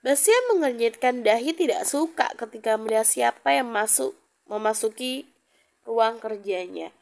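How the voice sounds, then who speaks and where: A woman narrating a story aloud in a calm, even reading voice with small slips. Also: a little high, normal speed, creaky.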